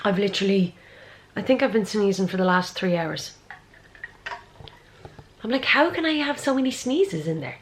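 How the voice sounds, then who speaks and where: A woman's voice: medium pitch, expressive, moderate pace, long pauses, slight background noise. A young Irish woman vlogging at home in a casual, chatty way, feeling under the weather and sniffly, with self-mocking asides. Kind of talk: casual chat to camera. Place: at home indoors.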